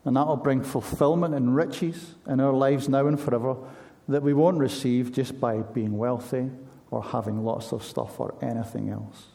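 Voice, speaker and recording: Gravelly, mellow-voiced man preaching. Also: medium pitch, fairly even intonation, moderate pace, few pauses. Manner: earnest, conversational preaching with rhetorical questions. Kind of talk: sermon.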